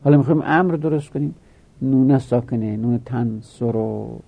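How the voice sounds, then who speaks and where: A man teaching a grammar lesson, explaining slowly and repeating each step while asking questions. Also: medium pitch, flat delivery, creaky, dark tone.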